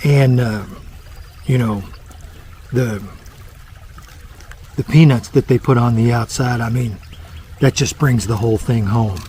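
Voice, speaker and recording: A man's voice: medium pitch, unhurried, pauses often, dark tone, slight background noise. Man giving mock-gourmet praise outdoors. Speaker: vlogger. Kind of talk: mock food-critic review. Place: outdoors by a lake on a day hike. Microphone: small handheld camera.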